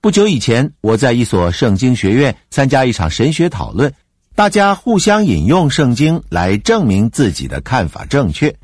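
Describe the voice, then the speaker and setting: Teaching from the Bible in a sing-song way at a moderate pace, a slightly husky-voiced man leaps up and down in pitch to stress his points, explaining emphatically and now and then using fillers or laughing. There's no room sound; the audio is close and dry.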